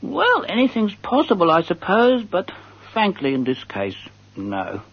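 An earnest man hosts a comic radio advice segment. His husky voice swings widely in pitch as he speculates darkly with mock seriousness. The sound is a little dull, like radio. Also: wildly swooping pitch, heavily acted. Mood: gravely certain. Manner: mock-serious, conversational, deliberate. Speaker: advice show host reading listeners' letters. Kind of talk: comic radio monologue, reading and answering letters. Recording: slightly dull radio recording.

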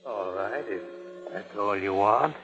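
An actor playing a sly, menacing male killer who speaks in a hushed, sneering way. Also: fairly low pitch, takes it slowly. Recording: dull old radio recording with music.

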